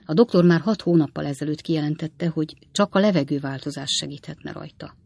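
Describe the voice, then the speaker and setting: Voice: medium pitch, vocal fry, darkish tone, slightly rough, no room sound. A reader voicing a gloomy, deferential male prison turnkey who speaks politely, in an audiobook. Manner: polite, says "sir" often. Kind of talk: audiobook character reading.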